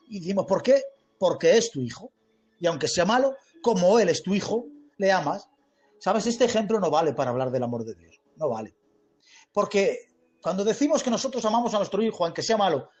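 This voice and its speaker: A man with an Andalusian Spanish accent preaching a sermon, with emphatic, slow, dramatic phrasing. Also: high voice, darkish tone, dull audio.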